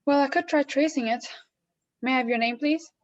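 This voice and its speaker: In a slightly dull recording, a woman plays an officious chief telephone operator in a radio drama. Her voice is fairly high. She stays measured, polite and unmoved. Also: natural voice.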